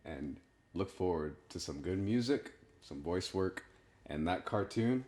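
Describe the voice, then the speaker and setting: Man, podcast guest, very deep voice, relaxed friendly banter. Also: a little slow. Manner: easygoing, agreeable banter. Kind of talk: casual podcast chat.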